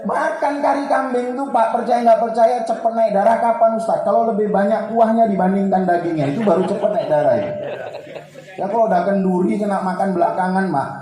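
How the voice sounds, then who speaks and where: A man's voice: high-pitched, fairly quick, a crowd in the background. A man preaching a humorous religious lecture, joking with the audience and addressing them directly. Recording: very echoey hall.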